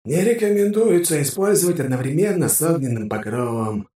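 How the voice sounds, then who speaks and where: A disembodied male emperor's spirit speaks inside the hero's head, as a man puts him on for an audiobook. The voice sits high and swings widely in pitch. It sounds far off and roomy, and it gives dry, system-like advice like a grudging helper. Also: expressive, brisk, mellow. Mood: advisory. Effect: disembodied voice heard inside the hero's head. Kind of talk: audiobook character voice.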